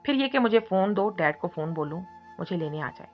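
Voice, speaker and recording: A woman voicing a feisty, defiant young heroine who snaps back with quick scolding retorts in an audiobook reading. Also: fairly low pitch, animated, close to an everyday voice. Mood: angry. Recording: muffled recording with soft music.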